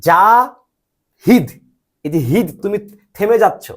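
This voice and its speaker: A man leads a patient one-to-one lesson, his voice rising and falling in a lively, animated way. He keeps checking understanding with short questions and spells words out letter by letter. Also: fairly high pitch, normal speed. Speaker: English teacher. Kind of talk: patient spoken lesson, quizzing a student.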